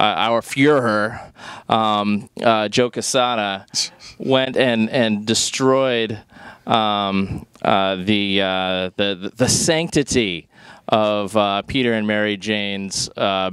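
A man co-hosting a casual comic book chat, halting and full of fillers and restarts. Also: on the low side, fairly bright tone, smooth, no echo. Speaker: co-host.

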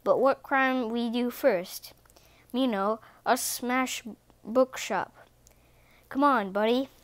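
Dim gruff cat bad guy, blunt caveman talk, slow and kinda high, a woman reading him out. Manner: broken caveman grammar, blunt. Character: dim, gruff male cat villain who is lonely.

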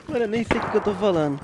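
A man's voice: high voice, very noisy. A young man with a Brazilian Portuguese accent giving casual, slangy gameplay commentary and laughing often. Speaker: gameplay streamer.

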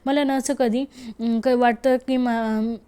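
A woman voicing a troubled, confused young man speaking in a halting, confessional way within a narrated serial recap. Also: a little high, steady tone, mellow, clean tone, natural voice.

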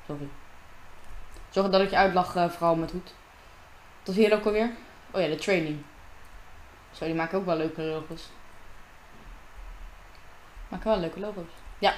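Female gamer, casual running commentary into a desk mic; echoey home room with faint noise. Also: lowish voice. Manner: chatty, talks to herself and viewers while playing. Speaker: gamer narrating her own gameplay. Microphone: desk microphone.

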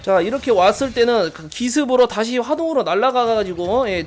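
A man's voice: high voice, a little hiss or hum. A man streaming a mobile game, giving brash casual commentary, swearing and teasing his viewers.

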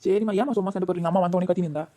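This is a voice actor playing a sheepish father in a cartoon, speaking. His voice is dark and mellow, and the lines come out quickly. He coaxes and pleads softly rather than commanding. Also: mid-range voice, fairly even intonation, lightly acted. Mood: gentle. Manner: coaxing, pleading. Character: sheepish village father, coaxing and soft-spoken. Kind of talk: cartoon voice acting.

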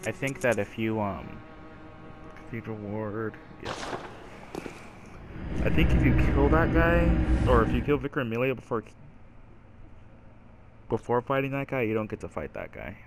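A man's voice: medium pitch, lively intonation, normal speed, pauses often, over music. A man giving casual, rambling, profane commentary while playing a video game. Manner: rambling, profane, yells at the boss. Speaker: gaming let's-player.

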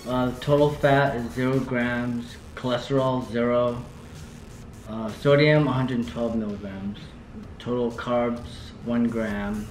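A man joining a casual vlog as a co-host friend, easygoing as he reads facts aloud. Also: medium pitch. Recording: echoey room with faint music.

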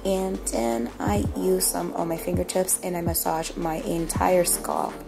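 Clear music runs under this casual chat from a small bathroom, where a young beauty vlogger, a little under the weather, describes her routine. Her raspy, lowish voice is steady and unhurried, and she pokes fun at herself while chatting directly with viewers.

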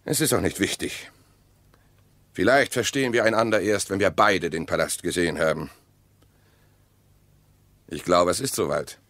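In a German radio play, an actor with a deep male voice and a fairly bright tone plays an evasive, mistrustful husband. His delivery is clipped and deliberate, laced with dry sarcasm.

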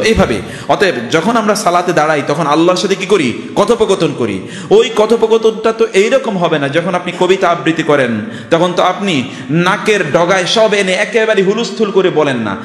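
An older man from Bangladesh giving a Friday sermon, emphatic, full of rhetorical questions and storytelling. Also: fairly high pitch. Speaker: preacher. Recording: echoey hall reverb.

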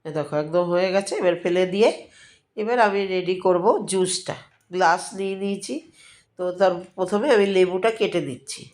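A middle-aged or older home cooking vlogger with a cold, her nose and throat blocked and stuffy, chattily talks viewers through a drink recipe step by step while preparing it at home, speaking with effort. Her voice is fairly low, darkish, fairly even and fairly quick. Dishes clink in the noisy kitchen.

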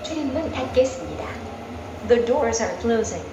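A woman giving polite, measured train announcements over a PA system in a moving subway car. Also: fairly high pitch, big pitch swings. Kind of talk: recorded transit announcements. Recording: muffled echoey PA in a noisy train car.

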